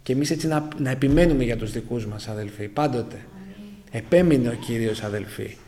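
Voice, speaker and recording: A man from Greece, a church member, gives a personal testimony to a congregation about his conversion, repeatedly calling the listeners brothers. His storytelling is fragmentary and emotional, with his mid-range, mellow voice sinking at the end of phrases.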